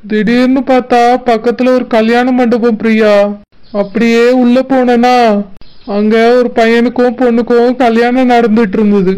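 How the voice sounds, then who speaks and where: A two-faced young man in a cartoon, voiced by an actor, with a smooth, clear, mid-pitched voice. he sweet-talks his girlfriend over the phone and mutters sneering asides about her. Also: flat delivery, moderate pace, darkish tone, natural voice, rough recording. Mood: sweet-talking. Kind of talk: cartoon voice acting.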